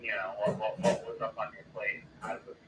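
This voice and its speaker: A man's voice: fairly low pitch, level tone, fairly bright tone. Man over a distant phone speaker. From New York. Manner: halting, hesitant, many fillers and restarts. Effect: heard over a phone speaker. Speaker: caller, guest on a live stream. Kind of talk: casual chat. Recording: distant echoey phone speaker with faint noise.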